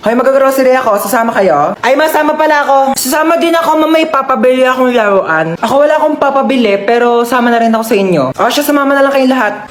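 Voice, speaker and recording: A woman acting out comic family skits, playing every role herself and switching quickly between characters, with bursts of shrieks and laughter. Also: high-pitched, lively intonation. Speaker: comedy skit performer. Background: music.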